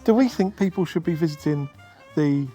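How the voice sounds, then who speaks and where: A man's voice: fairly high pitch, lively intonation, moderate pace, warm tone, soft background music. A man from England chatting casually and jokingly as a travel vlogger, recorded outdoors on a day out. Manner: jokey, chatty, teasing. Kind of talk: casual chat. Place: outdoors at a museum.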